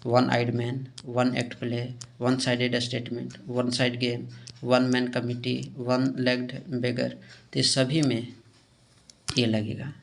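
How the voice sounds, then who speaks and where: A man's voice: medium pitch, monotone, slow pace, vocal fry. A man teaches a grammar lesson in a mid-range voice. He moves through the material step by step, checks in with "theek hai" and answers his own questions. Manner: asks questions and answers them himself.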